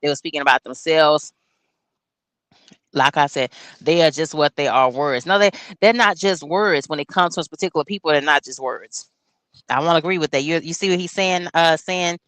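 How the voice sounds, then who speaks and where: A man's voice: fairly high pitch, moderate pace, a bit bright, no room sound. Man, 40s, livestream host; earnest, preachy delivery, dry sound. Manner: earnest, preachy, keeps asking if you understand. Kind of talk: casual livestream talk.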